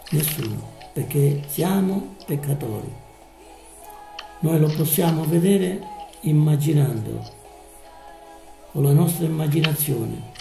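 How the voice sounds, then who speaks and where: Slow, gravelly male preacher. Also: on the high side, dark tone, echoey room, poor audio. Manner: slow, drawn-out, emphatic preaching. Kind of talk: live sermon.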